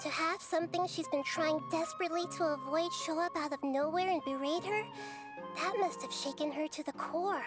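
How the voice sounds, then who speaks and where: A woman voicing a small, chatty, excitable female fairy companion in a video game. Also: high voice, a little fast, music in the background, close to an everyday voice. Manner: bubbly, excitable, speaks of herself by name.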